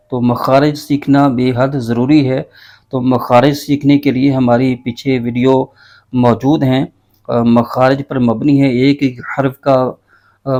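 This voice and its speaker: A man teaching Quran recitation with tajweed, patiently explaining the rules and spelling out each letter slowly. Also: medium pitch, darkish tone.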